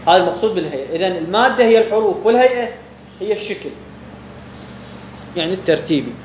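A man's voice: high voice, lively intonation, rapid-fire. A man with an Iraqi Arabic accent teaching a religious text, asking questions and answering them himself. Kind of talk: explaining a jurisprudence text to students. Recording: echoey room with faint background hum.

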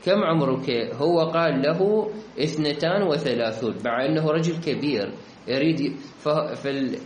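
A man's voice: on the high side, moderate pace. A man teaching a lesson. He explains each example by going back over the question and the answer. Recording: echoey room with faint ambient hum.

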